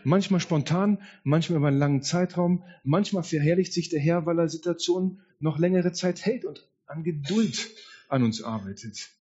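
Preacher, male, slightly high and husky, earnest sermon to the congregation, muffled lo-fi recording. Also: normal speed, darkish tone. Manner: earnest, speaks straight to the congregation. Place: church service. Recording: dull lo-fi sound.

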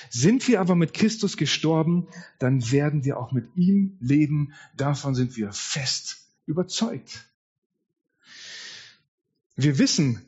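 A man's voice: a little high, darkish tone, slightly rough, dull audio. A man preaching an earnest, heartfelt Easter sermon in a church, telling his own story with quoted dialogue. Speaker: pastor.

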